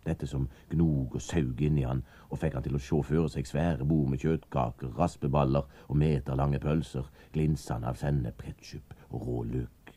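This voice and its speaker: A man reading a children's story aloud as narrator, with lively storytelling. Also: very deep voice, hardly any pauses, breathy edge. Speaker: audiobook narrator.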